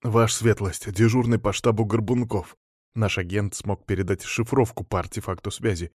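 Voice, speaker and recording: A man's voice: on the low side, fairly even intonation, moderate pace, a little mellow, no room sound, clean studio sound, lightly acted. Man reading as a formal staff duty officer. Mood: reporting. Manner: formal, respectful. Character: male headquarters duty officer reporting.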